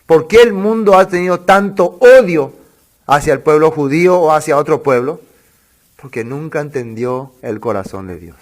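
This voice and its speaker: A male pastor preaching a sermon, asking the congregation rhetorical questions and reading scripture slowly and deliberately. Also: on the high side, expressive.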